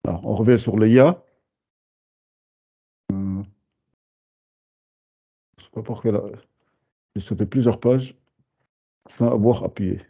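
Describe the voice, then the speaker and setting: A man's voice: on the low side, mellow, slightly rough. Hesitant male teacher, dull lo-fi sound. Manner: hesitant, many fillers and restarts; patient, slow over-articulated syllables. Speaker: Arabic teacher. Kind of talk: online beginner lesson.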